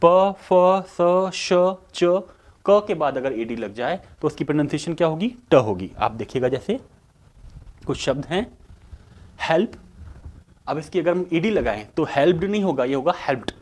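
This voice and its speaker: Male tutor with a Hindi accent, slightly high voice, quizzes and answers himself, lecture style. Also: animated. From India. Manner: rhetorical questions answered himself, drawn-out sounds. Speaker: English teacher. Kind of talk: exam-prep lecture.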